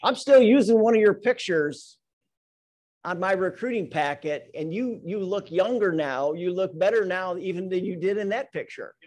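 A man's voice: high voice, moderate pace, darkish tone. A man leading an office team meeting, reading announcements and birthdays in an upbeat, teasing way with many "right?" asides. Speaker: meeting leader.

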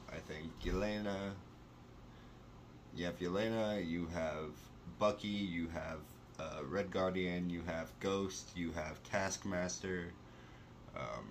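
A man's voice: low-pitched, slight background noise. A young man in a casual sit-down news chat from his bedroom, enthusiastic and full of fillers. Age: young adult. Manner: chatty, enthusiastic, many fillers. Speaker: vlogger. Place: small bedroom, indoors. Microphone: camera close to face.

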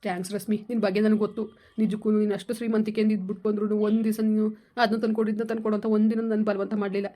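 A husband in a family vlog speaks with his wife in a casual, heartfelt chat, sounding earnest and lamenting. His voice is high and dark-toned, delivered quickly in a level tone.

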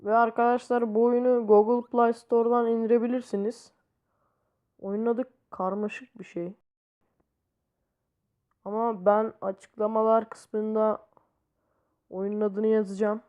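A woman's voice: a little high, little pitch movement, a little slow, pauses often, smooth, dull audio. A woman hosting a gaming channel, giving casual commentary as she plays and breaking into exasperated exclamations. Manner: exasperated exclamations while playing.

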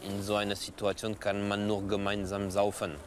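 A man in his thirties asking naive, leading questions with a deadpan manner in an outdoor street interview, held on a boom mic. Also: moderate pace, crowd noise. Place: outdoor pedestrian street and market. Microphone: handheld boom mic with fluffy windshield.

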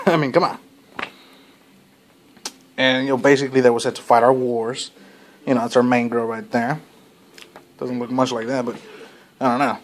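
A man reviewing a comic book in a loose, rambling way, cursing freely and laughing between thoughts. His voice sits at an ordinary middle pitch and jumps up now and then when he gets excited. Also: moderate pace, pauses often, slight background noise. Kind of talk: casual spoken review.

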